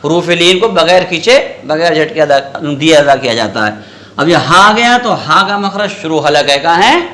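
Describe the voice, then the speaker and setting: A male Quran recitation teacher with a high, bright voice leads a classroom lesson, asking questions and repeating the answers back. He draws the sounds out slowly when he demonstrates them. The room rings with echo. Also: animated. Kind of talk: classroom tajweed lesson with call-and-response.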